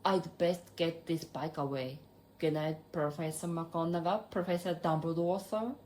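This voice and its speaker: A woman with a Japanese accent voicing a big, tearful, soft-hearted half-giant man in a storybook reading, speaking in halting, sobbing phrases. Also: low-pitched, fairly even intonation, slight background noise. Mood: muffled.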